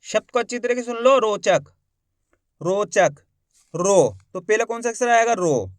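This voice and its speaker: A man teaching a reading lesson. He sounds out each word slowly, syllable by syllable, and he asks the viewer questions and then answers them. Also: sits high, big pitch swings, dry recording. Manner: slow, syllable by syllable, repeating words.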